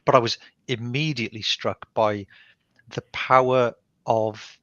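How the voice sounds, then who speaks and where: This interviewed author has a Welsh accent from Barry in South Wales and a medium-pitched, somewhat bright voice with fairly even intonation and a measured pace. The online call audio is muffled but echo-free. His explanation of his choices is reflective and conversational, full of restarts and ums.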